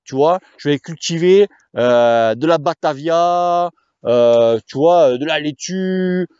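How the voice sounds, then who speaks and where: A man's voice: a little high, slow, darkish tone, clear, resonant tone, no echo, dull audio. A man, ranting casually to his viewers as a cycling vlogger, crude and slangy, rambling from one point to the next.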